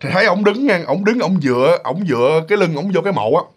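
Here the ghost story comes in a high, quick voice with a breathy edge. The teller, a man with a Southern Vietnamese accent, keeps it casual and spirited, regularly talking right to his listeners.

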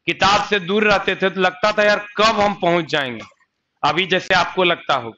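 A male coaching-class teacher talks with a Bihari accent, keeps asking his students questions and then answering them himself. His voice is bright and a bit high. The recording is dull and lo-fi. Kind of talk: classroom lecture.

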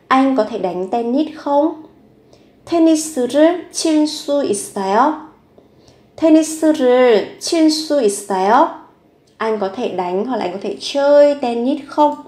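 A woman teaching Korean vocabulary, slowly repeating each word and example sentence. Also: on the high side, darkish tone. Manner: slow, careful repetition of each word. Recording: echoey room.

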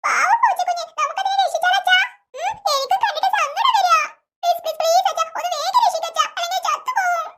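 A woman's voice: extremely high pitch, quick pace, fairly bright tone. A woman voicing a cheerful, kind little girl in a cartoon, squealy and pleading.

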